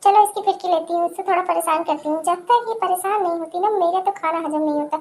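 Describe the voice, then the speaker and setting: A woman voicing a scornful mother-in-law, very high-pitched. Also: fast, a little mellow. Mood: mocking. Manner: taunting, scolding. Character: scornful middle-aged mother-in-law, taunting.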